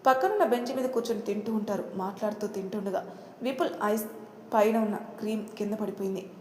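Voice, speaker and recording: A woman narrating a serialized love story as host of her channel, in a steady storytelling manner. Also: mid-range voice, fairly quick. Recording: roomy home recording with faint noise.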